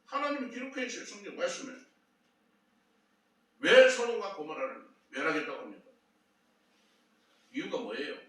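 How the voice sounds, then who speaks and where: A man preaching a sermon as a pastor, telling the story with lively acted-out dialogue. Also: sits high, normal speed, long pauses. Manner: animated storytelling, acting out dialogue. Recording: echoey room, from far off, faint noise.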